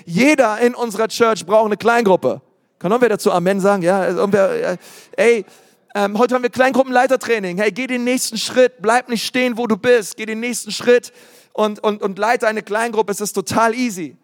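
High-voiced preaching man in a reverberant hall. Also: normal speed. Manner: lively preaching, mimics congregants in put-on voices; casual, many fillers and anglicisms. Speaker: pastor. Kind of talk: sermon.

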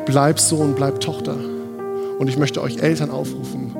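A man's voice: mid-range voice, level tone, measured pace, vocal fry. A man in his thirties preaching a sermon in a church hall, addressing the congregation directly and urgently. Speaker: pastor. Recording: long hall reverb, faint music behind.

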